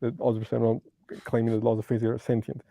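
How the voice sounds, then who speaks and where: Talking philosophy as a guest in a debate, this non-native English speaker often stalls, fumbling for words and saying um a great deal. His medium-pitched voice is mellow, monotone and fast, with vocal fry, and the recording is dry.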